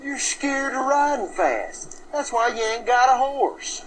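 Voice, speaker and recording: A man's voice: very high-pitched, very animated, measured pace, fairly bright tone, a little hiss or hum, exaggerated voice, poor audio. An actor playing a mocking frontier townsman in a film, drawling in a Western accent. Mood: taunting. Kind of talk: film dialogue.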